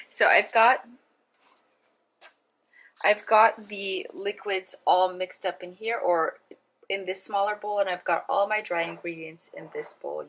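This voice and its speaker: A woman's voice: fairly low pitch, fairly bright tone, low-quality recording. A woman hosting a cooking video, talking to viewers in a chatty, informal, step-by-step way. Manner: chatty, informal, addresses viewers as guys and friends. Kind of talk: casual cooking demonstration to camera.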